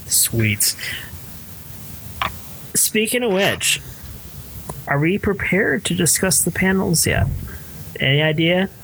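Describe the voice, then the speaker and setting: A man hosting an interview, excitable and stumbling over his words. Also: high-pitched, slow, gravelly, long pauses, a little hiss or hum, low-quality recording. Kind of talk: casual interview.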